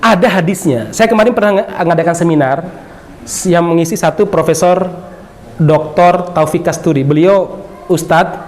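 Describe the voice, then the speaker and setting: High-voiced, humorous middle-aged preacher. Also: male voice, normal speed. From Bima, Indonesia. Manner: lively and humorous, often laughing and acting out dialogue. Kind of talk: religious lecture with casual storytelling.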